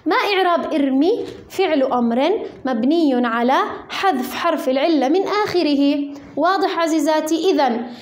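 A high-pitched woman with a Levantine Arabic accent gives a grammar lesson, putting questions to her pupils and then answering them herself. She slows right down to spell out examples word by word as she writes them. The recording rings with the echo of a roomy space. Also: darkish tone.

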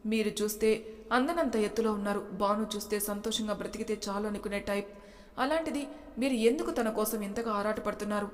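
A woman's voice: medium pitch, fast, close to an everyday voice. A woman voicing a worried, loyal young woman who asks anxious questions, in a storybook reading. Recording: reverberant room.

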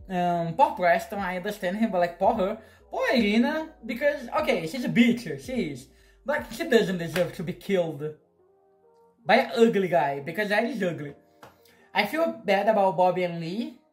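A woman hosting casual reaction commentary, animated and outspoken, jumping between loud outbursts and low mutters. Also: normal speed, soft background music. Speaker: TV reaction host.

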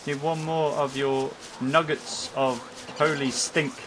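A man talks through his video game run in a loose, jokey way, bragging one moment and fretting the next. His voice sits a little above the usual pitch for a man. There is clear noise in the recording behind him. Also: slow. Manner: jokey, chatty, talks to his in-game pet, jumps between excitement and panic. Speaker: gaming YouTuber. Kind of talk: let's play commentary.

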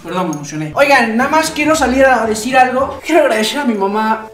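A young man from Peru chatting playfully to camera in a home vlog, joking around and bursting into excited shouts. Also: very high voice, fast. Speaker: vlogger. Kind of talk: casual chat to camera. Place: a house, indoors. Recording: roomy indoor sound with background music.

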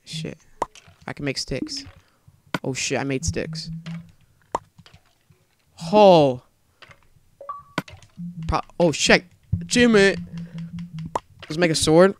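A man's voice: on the high side, takes it slowly, long pauses, slight background noise. A young man swearing his way through a let's play, jumpy and panicky, talking to himself as he plays. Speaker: gamer.

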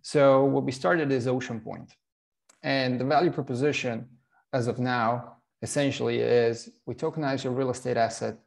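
Gravelly-voiced man presenting over a call. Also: mid-range voice, a little mellow. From Slovenia. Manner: halting, many fillers and restarts. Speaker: startup CEO presenting. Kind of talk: online conference presentation. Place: home office with bookshelves. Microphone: video call.

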